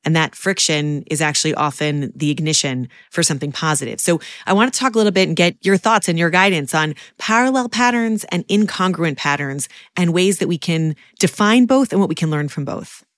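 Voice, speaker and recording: A woman hosting a podcast, speaking in a reflective and measured way. Her voice is lowish. The recording is close and dry, with no room sound. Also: no room sound. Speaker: podcast host. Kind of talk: podcast interview.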